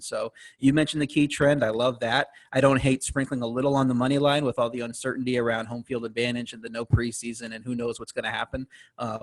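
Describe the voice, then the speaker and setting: A man speaking as a guest analyst on a sports betting podcast, laying out his picks in quick, steady talk with fillers. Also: medium pitch.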